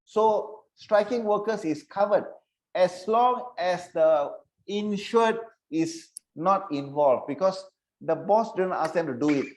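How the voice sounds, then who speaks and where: A man leads an online insurance training session with a slightly raised pitch. He repeats key phrases and keeps checking whether his listeners understand. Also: lively intonation, takes it slowly, poor audio.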